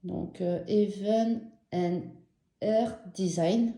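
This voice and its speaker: A French woman chatting casually and enthusiastically about her embroidery projects in a vlog, slow and gentle with many fillers. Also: mid-range voice, gravelly, roomy sound. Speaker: embroidery vlogger. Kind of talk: casual show-and-tell vlog.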